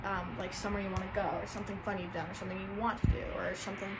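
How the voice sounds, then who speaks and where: Speaking very fast over a lot of background noise, a young woman rambles through a relaxed vlog. Her medium-pitched voice stays level, and "like" and "um" keep cropping up.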